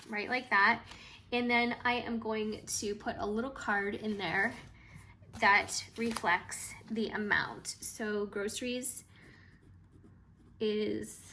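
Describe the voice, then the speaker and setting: A woman vlogger talking casually through her cash budget, a bit hoarse and chatty, with frequent hesitations. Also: on the high side, bright, forceful tone, a little hiss or hum. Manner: chatty and hesitant, with frequent ums and trailing asides.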